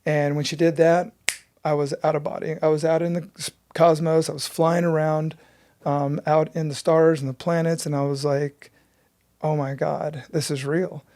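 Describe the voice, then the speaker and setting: A man's voice: fairly high pitch, little pitch movement, normal speed, darkish tone, clean tone. A man in his fifties, a breathwork teacher telling his story with earnest intensity in an interview.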